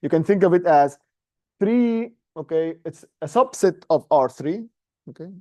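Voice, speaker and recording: A university lecturer in his thirties with an Egyptian accent stands at a presentation screen in a medium-sized classroom, explaining math informally and often adding short tag questions. His voice is a little high, expressive and dark-toned, slightly slow, with no room sound.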